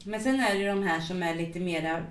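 A woman's voice: on the low side, distant mic. A middle-aged woman co-hosting a podcast, chatting casually and rambling with lots of fillers. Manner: rambling, full of fillers like "liksom". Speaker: podcast co-host. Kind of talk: casual chat. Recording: roomy echo, away from the mic.

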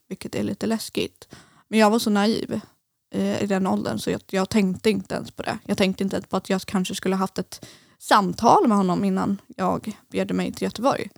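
A woman's voice: medium pitch, steady tone, vocal fry, dry recording, clean studio sound. A young woman guest on a podcast, telling a personal story in hesitant casual conversation with many fillers.

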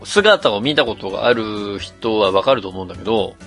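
A man from Mie co-hosting a podcast in casual chat, animated and laughing as he complains. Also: on the low side, a little fast, faint music behind. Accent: Kansai-leaning Mie dialect. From Mie, Japan. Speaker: podcast co-host.

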